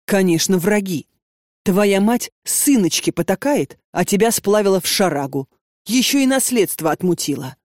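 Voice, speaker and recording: A man's voice: high voice, expressive, moderate pace, dry recording. Woman voicing a domineering young man, hot-tempered, insistent, dry close sound, audiobook. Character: young man, controlling, quick to anger.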